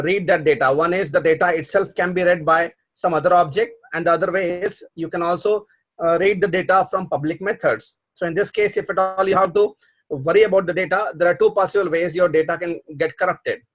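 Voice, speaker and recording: A middle-aged man teaches a programming class over a video call, patiently explaining concepts in a live online session. He repeats himself and restarts often, using plenty of fillers. His voice is a little high with a fairly bright tone.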